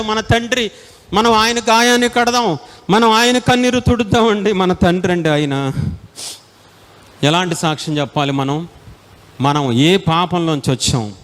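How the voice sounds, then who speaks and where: A man preaching a sermon as a pastor, passionate and dramatic, swinging from soft pleading to loud outbursts. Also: high voice. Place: large indoor meeting hall. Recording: long hall reverb.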